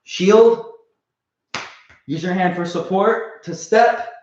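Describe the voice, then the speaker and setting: Roomy, muffled male coach giving sharp martial arts commands. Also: mid-range voice, unhurried, a little hiss or hum. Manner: sharp, clipped martial arts commands when calling drills; casual, explanatory, frequent "right?" check-ins. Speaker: jiu-jitsu coach teaching a kids' class. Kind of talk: martial arts class instruction with counted drills. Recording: muffled, roomy lo-fi class livestream.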